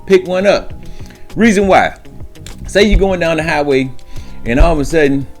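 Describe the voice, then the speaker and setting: Faint music plays behind a man whose voice sits on the high side, talking at a moderate pace. Playing a trucker coaching newcomers, he delivers a casual, streetwise, emphatic talk to camera and often checks in with those watching.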